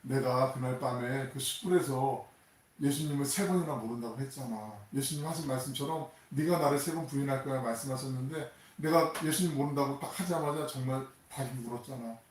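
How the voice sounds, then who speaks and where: A remorseful Peter , as a preacher acts him out pleads slowly and earnestly. His voice sits at a mid pitch for a man. It is heard from afar in a big, echoing room. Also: a little hiss or hum, close to an everyday voice. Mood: pleading. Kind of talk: sermon. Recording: echoey church sound from a distant mic.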